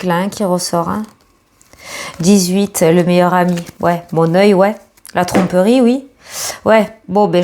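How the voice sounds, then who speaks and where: A woman doing a casual tarot reading, excitable and chatty, with many fillers and bursts of swearing when the cards please her. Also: mid-range voice. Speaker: tarot card reader.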